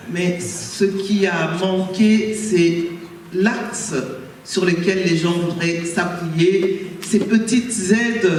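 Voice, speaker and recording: A man's voice: sits high, darkish tone, a little hiss or hum. A man moderating a symposium who speaks hesitantly and repeats words before introducing the next speaker. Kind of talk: conference moderation. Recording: echoey hall audio from far off.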